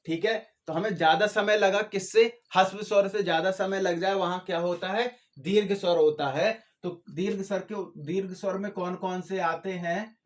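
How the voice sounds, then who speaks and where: A man's voice: high voice, steady tone. A man teaching grammar in a lecture style. He asks his own questions and answers them, repeats the key terms, and stretches out sounds to show how long a vowel lasts. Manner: drawn-out syllables to demonstrate vowel length.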